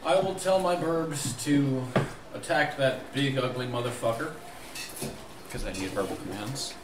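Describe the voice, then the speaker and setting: A man's voice: mid-range voice, measured pace. A man playing a tabletop role-playing game, casually announcing his moves with joking, profane asides. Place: echoey room. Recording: echoey room, distant mic, noisy.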